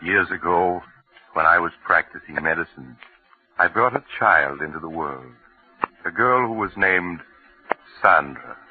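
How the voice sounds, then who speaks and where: An actor playing a genial but menacing mystery narrator in theatrical, ominous 1940s radio style. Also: male voice, low voice, expressive, a little slow, long pauses. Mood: grave, reflective. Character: eerie, genial male mystery-story narrator, menacing storyteller. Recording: muffled vintage radio recording with music.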